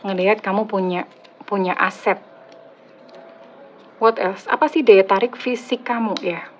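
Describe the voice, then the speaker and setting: Indonesian lady doing a chatty tarot reading, bit husky, jokey, kinda dull lo-fi sound. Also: mid-range voice, unhurried, slight background noise. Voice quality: slightly husky. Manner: chatty, teasing, laughs at own jokes. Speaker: tarot reader. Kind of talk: casual tarot reading to viewers. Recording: slightly dull lo-fi audio.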